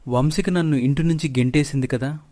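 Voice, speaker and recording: A man's voice: fairly high pitch, a little fast, mellow, lightly acted. A man voicing a wronged young wife in a narrated storybook, speaking in an earnest, pleading way.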